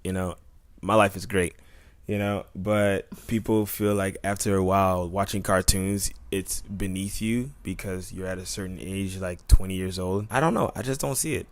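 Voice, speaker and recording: Jokey and rambling, with plenty of "you know," the Tampa-born podcast co-host in his twenties keeps the chat casual. He has a deep voice with fairly even intonation, speaking at normal speed.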